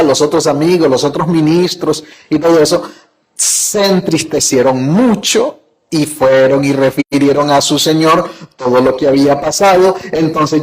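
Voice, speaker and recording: A high-pitched man preaching as a pastor. He retells scripture in his own words and keeps asking his listeners questions, then answers them himself. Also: rough recording. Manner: asks the congregation rhetorical questions. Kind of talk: sermon.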